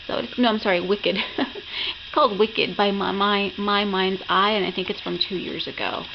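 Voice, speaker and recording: A woman's voice: mid-range voice, steady tone, normal speed. A woman with a sore throat from being sick, chatting enthusiastically as she shows off her craft projects in a casual vlog. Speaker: craft vlogger. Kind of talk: casual project show-and-tell. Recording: muffled lo-fi sound with clear background noise.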